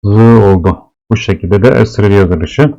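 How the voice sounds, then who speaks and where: A man teaching Arabic letters, explaining slowly and patiently and repeating each sound several times. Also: on the low side, creaky, warm tone, dull audio. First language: Turkish. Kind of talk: slow classroom explanation of letters.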